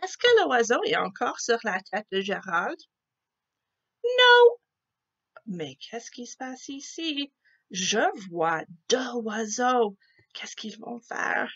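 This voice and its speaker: Woman teacher, read-aloud lesson, very slow, lively pitch, muffled recording. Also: creaky, husky. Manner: slow, expressive, asks children questions.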